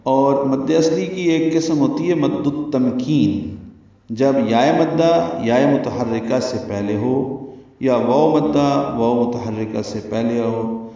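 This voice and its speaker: A man's voice: medium pitch, dark tone. Man teaching recitation in an echoey room. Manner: slow, methodical explaining with chanted recitation. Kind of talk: tajweed lesson. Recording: very echoey, distant, dull sound.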